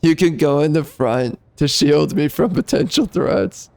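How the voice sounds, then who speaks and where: Slow-paced, higher-voiced man commenting on a game. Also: creaky, darkish tone, dry recording. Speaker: game streamer. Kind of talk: casual gameplay commentary.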